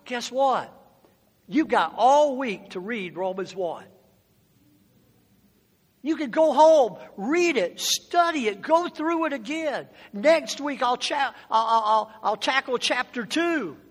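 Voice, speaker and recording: A male preacher delivers a sermon in a strikingly high-pitched voice. He is passionate and emphatic, urging his listeners on with repeated phrases and rhetorical questions. The sound rings with the long reverb of a large hall. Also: animated, slow. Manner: exhorting, with rhetorical questions and repetition. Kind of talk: sermon to a congregation.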